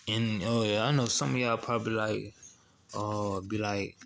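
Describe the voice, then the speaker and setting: A man's voice: on the low side, fairly even intonation, gravelly, fairly bright tone. A man preaching a scripture teaching, repeating himself and throwing out rhetorical questions as he goes. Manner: repetitive, asks rhetorical "what?" questions; halting, many restarts and fillers.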